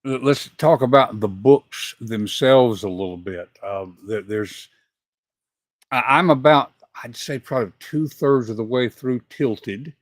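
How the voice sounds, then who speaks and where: A man's voice: medium pitch, a little slow, no room sound, studio quality. An older man with a Southern accent hosts an interview over a video call and thinks aloud in a conversational way. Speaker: host.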